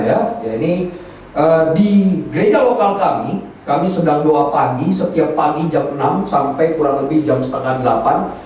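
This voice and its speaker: A male pastor preaching a sermon, telling stories in a lively, colloquial way. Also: on the high side, slight background noise. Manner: animated storytelling, colloquial Jakarta slang. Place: church hall. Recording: distant echoey church hall recording.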